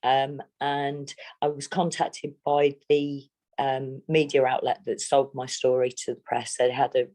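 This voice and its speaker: A woman's voice: very deep voice, little pitch movement, a little slow, warm tone. Blunt, plain-spoken middle-aged woman. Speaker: interviewee. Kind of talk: candid interview.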